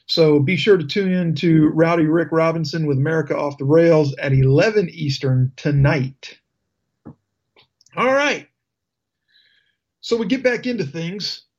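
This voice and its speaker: Male talk radio host, indignant political rant, sarcastic, unhurried, dull lo-fi radio sound. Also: a little high. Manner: indignant, emphatic ranting with sarcasm.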